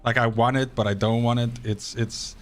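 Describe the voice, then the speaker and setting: A South African man who speaks Afrikaans streams a game live, rambling and swearing freely as he chats with his viewers. His medium-pitched voice moves little in pitch and comes at a normal speed, with a little hiss or hum in the recording.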